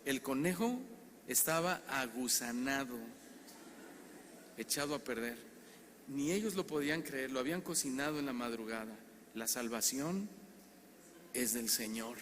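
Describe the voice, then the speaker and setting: A man's voice: mid-range voice, measured pace, long pauses. A man with a Mexican accent, a pastor preaching a sermon, telling stories and asking the congregation questions. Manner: animated storyteller, asks the congregation questions. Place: church hall. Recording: reverberant hall, faint background noise.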